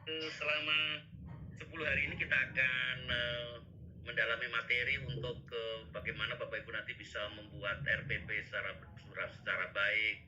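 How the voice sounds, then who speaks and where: Man, fifties, workshop instructor on a video call; very bright tone, mid pitch, rambling lecture style. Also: level tone, brisk, highs cut off, slight background noise. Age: 50s. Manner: rambling, keeps tagging sentences with a questioning aside.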